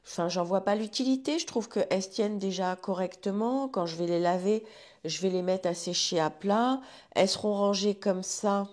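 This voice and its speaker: A woman's voice: medium pitch, darkish tone. Woman vlogging about her knitting, chatty, rambly, lots of restarts. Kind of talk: casual chat to viewers.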